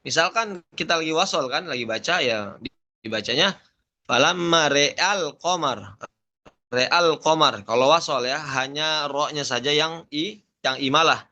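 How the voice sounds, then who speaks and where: A man's voice: on the high side, moderate pace, sharp tone. A young man teaching an online lesson on variant Quranic readings, listing words and chanting short phrases. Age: young adult.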